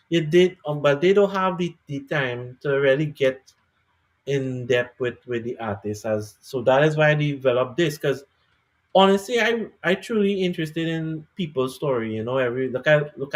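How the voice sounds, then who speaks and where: A man's voice: a little high, normal speed. Chatty man hosting. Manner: relaxed, chatty, encouraging. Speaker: podcast host and DJ. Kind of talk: casual interview chat.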